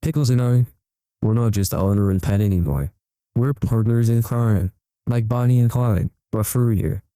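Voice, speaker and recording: A man's voice: mid-range voice, moderate pace, mellow, dry recording, natural voice. A man playing an earnest, overexcited cat owner, giving a melodramatic parody infomercial testimonial with reverent sincerity. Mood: proud, confiding.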